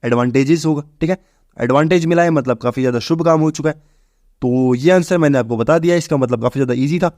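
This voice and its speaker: A young man teaching exam vocabulary, briskly asking and answering his own questions. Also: fairly high pitch, a little mellow, no echo, clean studio sound. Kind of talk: exam-prep vocabulary lesson.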